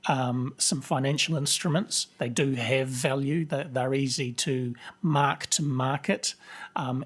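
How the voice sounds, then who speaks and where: A council finance officer with a New Zealand accent explaining accounts at a meeting in a halting, eager way, with many restarts. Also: mid-range voice, slightly rough. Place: council chamber.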